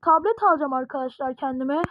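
A woman at home chatting casually to her viewers while playing a game, chatty and prone to excited, dramatic outbursts. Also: high voice, fast talker, phone-quality sound, a little hiss or hum. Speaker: gaming video host. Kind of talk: casual gameplay commentary.

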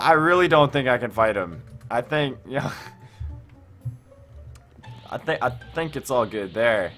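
Over background music, a young man thinks aloud and rambles through casual commentary on gameplay while hosting a gaming video. His voice is a little high with a fairly bright tone.

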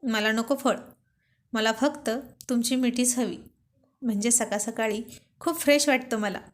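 A woman's voice: a little high, measured pace, lightly acted. A woman voicing a stubborn, pouting young wife who sulks and demands attention in a storybook reading.

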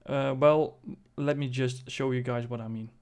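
Casting: male video host, casual game walkthrough, mid pitch, gravelly fry, halting delivery that thinks aloud. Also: fairly even intonation, darkish tone, a little hiss or hum. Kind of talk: casual game showcase commentary.

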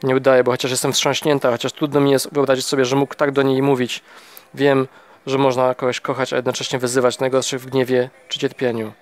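An ashamed, unsure woman, as a male narrator reads her, speaking quietly and hesitantly. The reader barely alters his ordinary audiobook voice for her lines. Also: mid-range voice, level tone, fairly quick, natural voice. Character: ashamed, unsteady woman witness.

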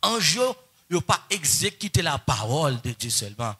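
A man preaching a sermon, moving between soft coaxing asides and shouted, sung-out exclamations. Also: fairly high pitch, big pitch swings, normal speed, slightly rough. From Haiti. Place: church or conference hall.

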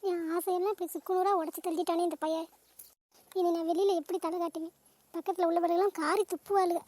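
A woman's voice: very high voice, level tone, fast talker, darkish tone. A woman voicing a scolding, melodramatic middle-aged mother in a cartoon family drama. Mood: lamenting. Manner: nagging, melodramatic.

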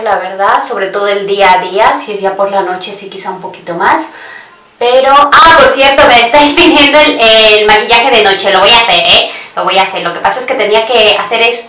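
A woman's voice: mid-range voice, pushed and bright, slight background noise. A woman giving a casual makeup tutorial, chatty and talking straight to her viewers, often stopping to correct herself. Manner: chatty, addresses viewers directly, frequent self-corrections. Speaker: beauty vlogger. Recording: roomy echo, voice somewhat far from mic.

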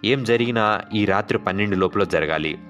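A man's voice: fairly low pitch, normal speed, fairly bright tone, highs cut off, soft background music, lightly acted. Man doing a teasing wandering fakir. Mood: solemn. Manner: laughing, teasing, then solemn. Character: wandering male fakir, mocking then grave.

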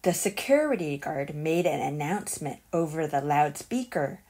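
A woman with a low voice reads a children's picture book aloud as a storyteller, expressive and deliberate in her delivery.

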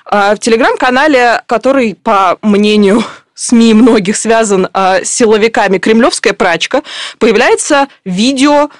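A woman's voice: fairly high pitch, unhurried, no echo, clean studio sound. A woman reporter explaining events in a news discussion at length, with many fillers and restarts.

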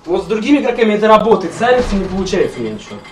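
A man's voice: high-pitched, very animated, racing. A man giving casual, grumbling, exasperated commentary while he streams a video game. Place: indoors, in front of a TV. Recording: distant mic, loud game audio. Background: loud game music and sounds.

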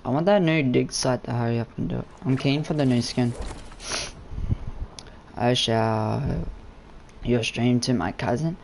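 Young kiwi guy, slightly gravelly, streaming. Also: medium pitch, measured pace, long pauses, darkish tone, a little hiss or hum. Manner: slangy, laid-back, matey and sweary. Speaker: game live streamer. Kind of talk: casual gaming live-stream chat.

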